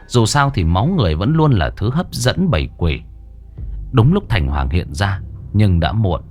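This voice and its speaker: Dramatic low-voiced horror storyteller man. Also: normal speed, soft background music. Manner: dramatic, expressive.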